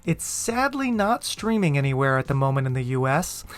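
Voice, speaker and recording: A man's voice: medium pitch, very animated, moderate pace. A man in his thirties with an American accent, hosting a podcast in a playful, campy way. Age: 30s. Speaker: podcast host. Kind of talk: upbeat podcast intro and casual chat.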